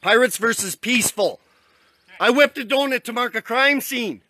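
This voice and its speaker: A man's voice: very high voice, normal speed, bright, forceful tone, no room sound. A man in a standoff with police, arguing defiantly, interrupting and repeating himself on a phone live stream. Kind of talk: heated argument, live-streamed.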